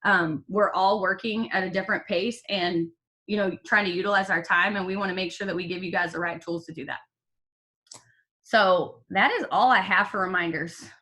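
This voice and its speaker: A woman's voice: mid-range voice, steady tone, moderate pace, pushed and bright. A woman, leading a casual team meeting on a video call, upbeat and chatty, with the hiccups. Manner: upbeat and chatty, with fillers and jokes. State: has the hiccups. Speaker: team leader.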